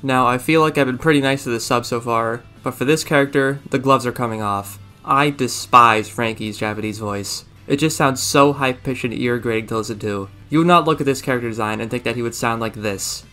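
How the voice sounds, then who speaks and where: A man's voice: mid-range voice, fairly quick, few pauses, sharp tone, faint music behind. A young man narrating a scripted video essay, opinionated and enthusiastic. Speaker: video reviewer.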